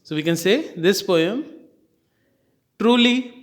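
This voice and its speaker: A man's voice: sits high, slow pace, a bit bright. A man with an Indian English accent teaching literature in a lecture, repeating his key points for emphasis. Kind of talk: classroom lecture.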